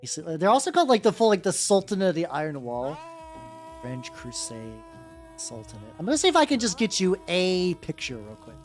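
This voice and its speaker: On a casual VTuber livestream, a woman with a fairly low, darkish voice talks briskly, her pitch swinging widely. She paints miniatures, answers her viewers, and rambles chattily with plenty of profanity as she reacts to chat, over faint background music.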